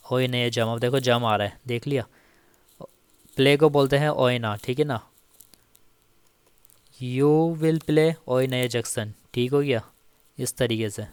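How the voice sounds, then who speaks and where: In a casual spoken lesson, a man teaches Turkish grammar, slowly repeating each example and checking in often with the listener using frequent "theek hai." His mid-range voice is smooth, and the recording is dry.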